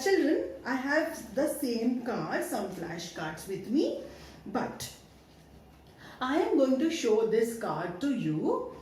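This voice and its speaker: A woman with an Indian English accent leads a phonics class for small children in a high, swooping, sing-song voice. She speaks slowly, sounding out each letter and cheering the class along. The recording is very echoey, with faint noise behind her. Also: a little mellow. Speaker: kindergarten teacher. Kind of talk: online phonics lesson for young children.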